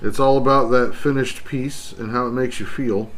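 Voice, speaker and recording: A man's voice: medium pitch, steady tone, moderate pace. A middle-aged man hosting a casual livestream, talking bluntly and rambling about making art. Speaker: livestream host, artist.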